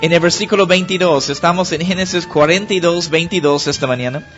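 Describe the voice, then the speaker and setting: Man, preacher, sermon, high voice, earnest, halting, dull lo-fi recording, faint music behind. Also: fairly bright tone. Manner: earnest, halting with many restarts.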